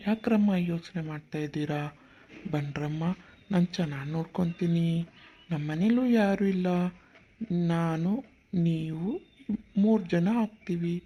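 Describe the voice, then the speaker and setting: Man plays a protective cartoon uncle, mid pitch, dark tone, coaxing. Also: measured pace, pauses often, slight background noise, lightly acted. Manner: scolding to strangers, coaxing to children. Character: kind childless uncle, protective, warm-hearted. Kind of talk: cartoon voice acting.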